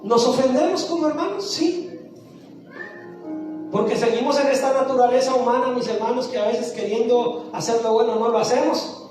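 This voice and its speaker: A woman's voice: on the high side, moderate pace. A woman pastor preaching a sermon, asking the congregation questions and answering them herself. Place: church sanctuary. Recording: echoey church from far off, faint music.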